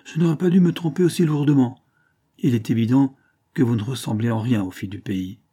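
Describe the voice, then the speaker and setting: A man's voice: mid-range voice, brisk, dark tone, lightly acted. A man voicing a self-assured young hunter who sketches and speaks in a mocking, familiar way. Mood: apologetic. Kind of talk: audiobook character reading.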